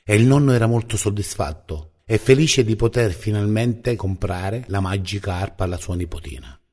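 A man narrating a children's story in a calm, measured way. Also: fairly low pitch.

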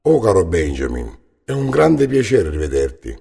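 Man doing a deep gravelly courtly general. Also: wildly swooping pitch, normal speed, dark tone, long reverb tail, heavily acted. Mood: warm. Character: warm grateful royal general, grand and courteous.

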